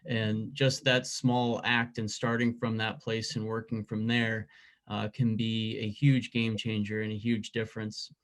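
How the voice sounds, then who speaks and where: A man's voice: lowish voice, flat delivery, unhurried. A man speaking as an investigative reporter on a conference panel, thoughtful and often repeating words as he searches for them.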